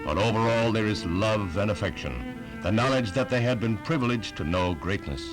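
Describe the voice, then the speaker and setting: A man's voice: on the low side, lively intonation, normal speed, over music, poor audio. A man narrating a 1960s newsreel with a solemn, stately delivery.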